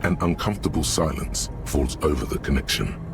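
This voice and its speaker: A gravelly omniscient game narrator. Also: male voice, rumbling low, animated, fairly quick, over music, heavily acted. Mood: ominous. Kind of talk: game voice acting.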